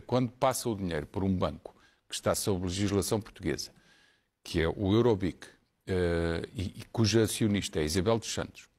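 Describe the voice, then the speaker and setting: A studio guest on a news programme explains a complex matter calmly and step by step. His voice is fairly low and his delivery is measured, in the manner of an analyst. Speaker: studio commentator.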